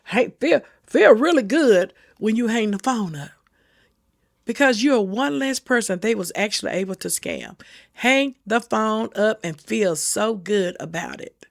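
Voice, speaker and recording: A woman's voice: on the high side, animated, measured pace, gravelly, no echo, studio quality. A middle-aged woman giving earnest, folksy advice to camera, repeating her warnings for emphasis. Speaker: senior safety channel host. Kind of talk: casual advice talk to camera.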